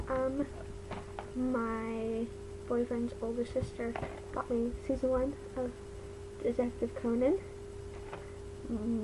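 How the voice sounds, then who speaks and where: A woman's voice: on the high side, very noisy. A young adult woman chatting casually to camera in her bedroom, rambling informally, her speech slightly impeded by a retainer. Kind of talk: casual vlog chat to camera. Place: bedroom at home.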